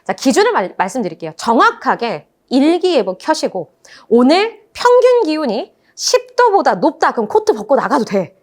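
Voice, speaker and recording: A woman's voice: high-pitched, moderate pace. A woman teaching a lecture course, telling stories and acting out playful exchanges as she explains. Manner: lively storytelling, acts out playful voices. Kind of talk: animated lecture.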